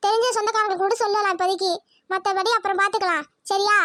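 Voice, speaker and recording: A woman's voice: very high voice, steady tone, very fast, fairly bright tone, no room sound, studio quality. A woman voicing an anxious, devout middle-aged mother in a cartoon who scolds and wails. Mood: fretful. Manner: scolding, wailing and fretful. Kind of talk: cartoon voice acting.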